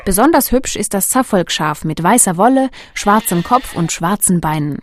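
A woman giving calm, clear, scripted narration for a short documentary. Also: medium pitch, normal speed.

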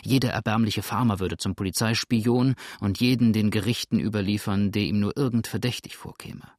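A man voicing a wary outlaw in an audiobook, speaking in a hushed, urgent way. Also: on the low side, steady tone, fairly quick, dry recording, studio quality, lightly acted. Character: grim, wary adult male outlaw. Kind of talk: audiobook reading.

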